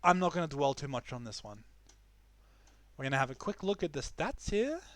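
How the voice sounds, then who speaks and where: A man's voice: fairly high pitch, big pitch swings, brisk, fairly bright tone, no echo. A young man casting a strategy game live, chatty and loose, often restarting his sentences. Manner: chatty, frequent restarts and fillers. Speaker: esports caster.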